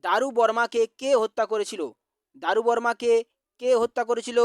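A teacher from West Bengal slowly reading out exam quiz answers, repeating each question. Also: medium pitch, fairly even intonation, no echo, studio quality.

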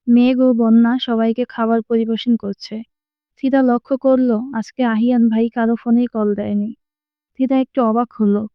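A woman narrating a story in an even, soft-spoken reading voice, lightly voicing the characters. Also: on the high side, smooth, no room sound, muffled recording. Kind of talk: audiobook narration.

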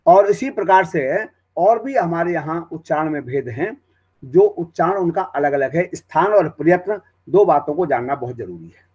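A man lectures on Vedic recitation in a somewhat high voice. He explains pronunciation step by step, pausing with hesitant fillers, then chants Sanskrit verses slowly and carefully. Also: animated, darkish tone, breathy edge, muffled recording. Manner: explanatory classroom delivery with frequent hesitations. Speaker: Veda teacher.

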